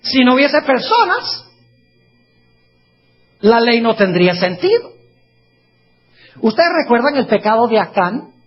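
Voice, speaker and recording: A man preaching a sermon in a husky voice. He slows down to read scripture and keeps turning to his listeners with questions. The recording sounds dull and lo-fi. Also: very high-pitched, big pitch swings. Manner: asks the audience questions, reads scripture slowly.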